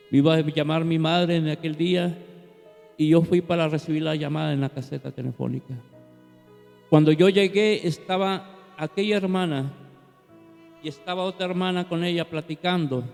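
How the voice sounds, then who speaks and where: A man, a pastor telling a testimony in an earnest, emphatic way that slows down for key declarations. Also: a little high, creaky, darkish tone. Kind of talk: testimony sermon. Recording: reverberant hall with violin music behind.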